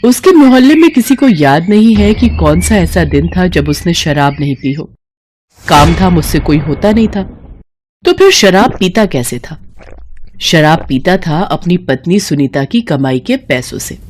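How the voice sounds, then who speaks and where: A woman's voice: on the low side, animated, unhurried, darkish tone, slight background noise. A woman narrating a moral story in a scripted storybook style, voicing the characters expressively.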